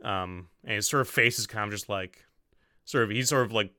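A man's voice: on the low side, fairly quick, pushed and bright, dry recording, studio quality. A man narrating a tabletop game as game master, with lots of "um" and "like" as he describes the action. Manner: filler-heavy, describes action with "like".

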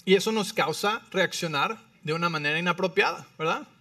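A male pastor preaching a sermon, animated, swinging between loud emphatic phrases and quiet low ones, often checking in with the listeners. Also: fairly quick, far from the mic. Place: church.

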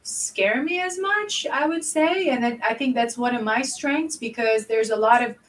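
A woman's voice: a little high, moderate pace, recorded from a distance, poor audio. A woman from Lebanon co-hosting a business podcast, speaking animatedly and laughing now and then. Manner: animated, laughs often, repeats for emphasis. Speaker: podcast co-host. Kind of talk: casual business chat.

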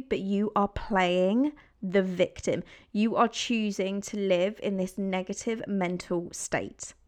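A woman delivers a motivational speech in a mid-pitched voice with plenty of gravelly fry. She speaks straight to the listener, urging firmly and leaning on key words with emphasis. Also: darkish tone. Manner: direct, emphatic, exhorting the listener.

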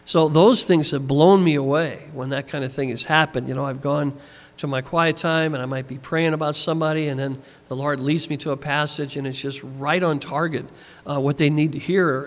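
A man's voice: fairly high pitch, steady tone, fairly quick. A man preaching a sermon in a conversational, folksy way, full of "you know" fillers, a little tired. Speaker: pastor. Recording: long hall reverb.

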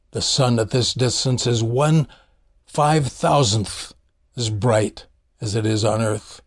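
Earnest middle-aged or older male preacher. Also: medium pitch. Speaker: preacher and podcast host. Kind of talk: devotional podcast monologue with book reading.

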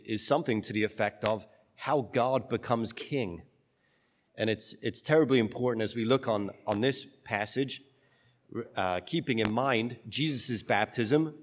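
Low-voiced priest in a long church echo. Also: male voice, a little hiss or hum. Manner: conversational, halting, with many restarts. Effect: long cathedral-like church echo. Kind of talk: gospel reading and homily. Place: church, speaking from the pulpit. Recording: long reverb of a large church.

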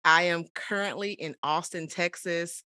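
Deep-voiced, bright woman from Chicago. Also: fairly even intonation, a little slow, dry recording. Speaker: podcast guest, co-founder. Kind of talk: casual self-introduction.

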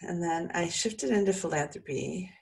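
Low-pitched, creaky-voiced woman guiding meditation. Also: moderate pace, a little mellow. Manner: soothing, encouraging, with casual asides. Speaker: meditation guide. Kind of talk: guided meditation, informal and chatty.

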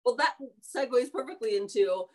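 A woman's voice: fairly high pitch, expressive, normal speed. Woman podcast co-host talking with braces. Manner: speaking with braces and elastics, slightly impeded enunciation. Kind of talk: casual chat.

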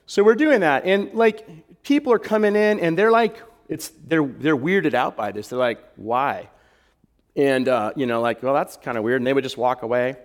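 A male pastor telling a story from the pulpit in an animated, self-deprecating way, acting out the people he quotes. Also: medium pitch, moderate pace. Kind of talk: storytelling sermon. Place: church hall with live audience. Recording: long hall reverb.

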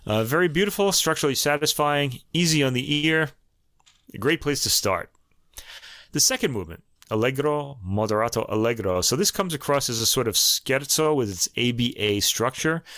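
Podcast host, male, New York accent, somewhat low voice, dry close sound, chatty delivery with lots of ums. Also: fairly bright tone, no room sound. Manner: conversational, many fillers and restarts. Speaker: music review podcast host. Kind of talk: casual music commentary.

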